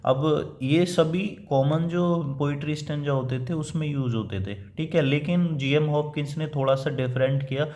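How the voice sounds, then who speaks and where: A man giving a classroom-style lecture, explaining step by step with filler pauses and reading quoted lines slowly. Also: on the high side, darkish tone. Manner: reads quoted English lines slowly and deliberately; mixes Hindi and English terms. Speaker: assistant professor teaching English poetry.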